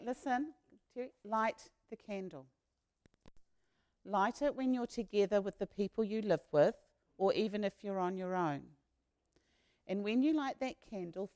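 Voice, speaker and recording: A woman, leading an all-age sermon as a minister and retelling a story in a lively, slangy, conversational way. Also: mid-range voice. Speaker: minister leading a children's talk.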